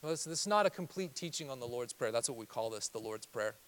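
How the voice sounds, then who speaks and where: A male pastor preaching a sermon in church, moving between quiet confessional passages and loud, fervent exhortation. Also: mid-range voice, animated, fast.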